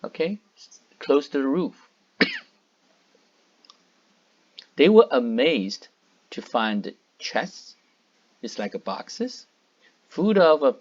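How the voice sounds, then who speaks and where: A man's voice: medium pitch, a little mellow. A man reading a storybook aloud for children, stopping to explain words and point at the pictures. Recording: dull lo-fi recording.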